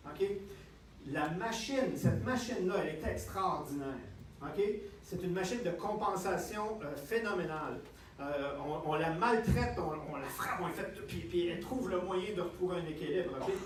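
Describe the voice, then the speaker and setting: A high-voiced Canadian health speaker with a Quebec French accent gives a lively talk to a live audience, constantly checking in with listeners at a normal speed. He's captured by a distant mic in an echoey room with faint ambience and a little hiss or hum.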